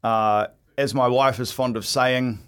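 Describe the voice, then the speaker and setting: A man's voice: mid-range voice, steady tone, unhurried, fairly bright tone, smooth. Hesitant middle-aged New man chatting casually. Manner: hesitant, stop-start, self-deprecating. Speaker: guest, event ring announcer. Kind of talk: casual radio interview chat.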